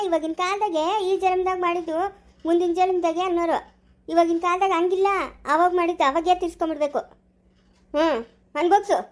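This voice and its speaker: A scornful younger sister, acted by a woman, speaking. She sounds taunting and cutting in a homemade village family drama. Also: extremely high pitch. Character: scornful younger sister taking revenge on her sister.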